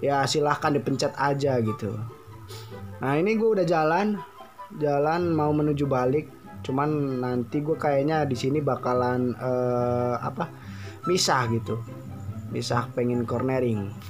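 A young man with a Jakarta colloquial accent talks over his riding footage in a loose, joking way, full of slang and tangents. His voice sits at an ordinary middle pitch. Music plays clearly underneath. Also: fairly even intonation, a little slow. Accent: Jakarta colloquial Indonesian. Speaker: motovlogger. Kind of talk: dubbed voice-over commentary.

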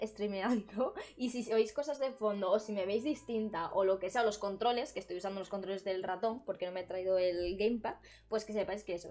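A woman from Spain chatting casually with her viewers on a live stream from a bedroom, bubbly and laughing often, with loud sudden exclamations. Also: medium pitch. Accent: Spain Spanish. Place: bedroom at her grandmother's home.

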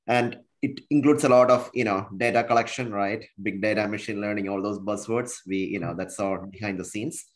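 A man speaking as a panelist on a video call, pitching his company and adding "right?" as tags. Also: steady tone, a little fast, few pauses. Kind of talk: panel discussion.

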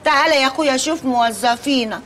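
A loud, doting folksy auntie with an Egyptian accent in a sitcom. Her voice sits high and she banters in a teasing, sing-song way. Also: quick pace, a little hiss or hum. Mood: cheeky. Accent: Egyptian Arabic. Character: brash folksy middle-aged aunt, loud and doting. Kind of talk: sitcom acting.

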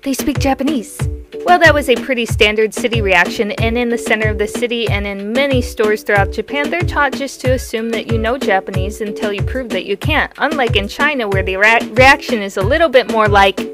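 A young woman narrates in a conversational way. Her voice sits fairly high, and music plays clearly behind her. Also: fairly quick, few pauses. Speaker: vlog narrator. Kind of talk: conversational voice-over commentary.

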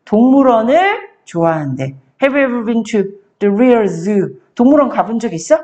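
A woman tutoring a child one-on-one, coaxing the child along and reading sentences out slowly before explaining them. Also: fairly high pitch, very animated, warm tone, lo-fi sound.

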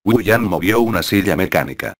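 A man narrating a translated web novel in an even, unbroken reading voice. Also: low voice, brisk, no echo, studio quality.

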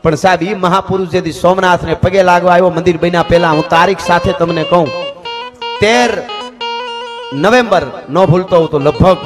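High-voiced man talking from a stage. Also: steady tone, moderate pace, music in the background. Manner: emphatic and preachy, with chuckling asides. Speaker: folk stage performer. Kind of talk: live stage talk to an audience.

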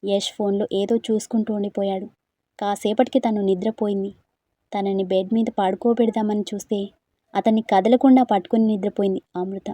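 Female storyteller, steady scripted narration, warm dark tone. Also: medium pitch, fairly quick, no room sound.

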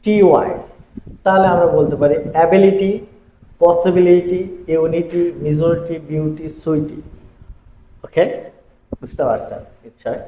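A man teaching English grammar in a video lesson, going through word lists in a steady, repetitive rhythm. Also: fairly high pitch, unhurried, long pauses. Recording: echoey room with faint ambient noise.

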